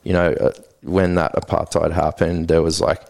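A South African man in his thirties, a native Afrikaans speaker, chats loosely as a podcast guest in a casual interview. His voice is low, with vocal fry, at a normal speed. He sounds relaxed and rambles, leaning hard on fillers such as "like" and "sorta."

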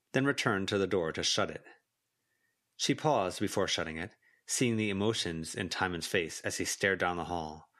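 Reading a story as a volunteer audiobook narrator, a man delivers scripted fiction with voices for the characters, his deep voice carrying a fairly bright tone.

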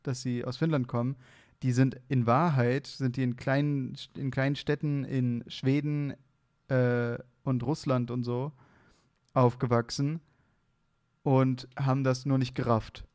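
A man's voice: mid-range voice, level tone, a little slow, a little mellow. Playful young man from Hesse. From Hesse, Germany. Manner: playful, laughing, restarts a lot. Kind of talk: casual chat.

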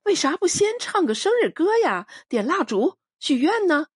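A woman's voice: medium pitch, sing-song, normal speed, slightly rough, no room sound, clean studio sound. A woman voicing a bold, playful young woman in a storybook reading, with a brash, teasing manner.

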